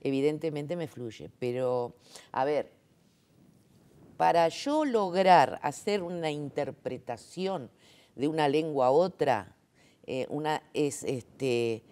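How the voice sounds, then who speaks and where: A woman with a deep, mellow voice speaks slowly in a conversational interview about her work as a sign language interpreter. She argues her views emphatically, leaning on lots of fillers and rhetorical checks.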